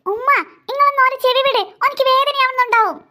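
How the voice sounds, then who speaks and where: Performer doing gentle cartoon mum, Malabar accent, soothing, high bright voice. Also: steady tone, fast talker, exaggerated voice. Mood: placating. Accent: Malabar Malayalam. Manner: soothing, placating. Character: patient young mother calming her son.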